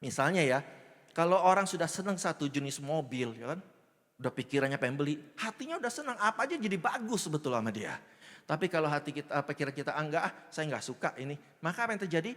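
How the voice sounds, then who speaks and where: A man preaching a lively sermon as pastor, joking and acting out little voices while often checking in with the congregation. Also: fairly high pitch, fast talker. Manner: animated, jokes and acts out voices, asks the congregation often. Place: church hall. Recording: long hall reverb.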